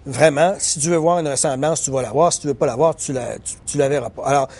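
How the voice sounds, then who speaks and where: A man's voice: on the high side, fast, a little mellow. A man, a journalist and biographer, explaining his work in an interview with frequent hesitations and restarts. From Quebec, Canada. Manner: hesitant, many fillers and restarts. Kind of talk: recorded interview, thoughtful explanation.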